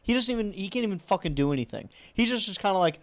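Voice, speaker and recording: A man co-hosting a relaxed casual chat. He backs up his friend with short affirmations. He offers his own opinions in a loose, conversational way. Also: sits high, very fast. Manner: agreeable, chimes in with short affirmations. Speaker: podcast co-host.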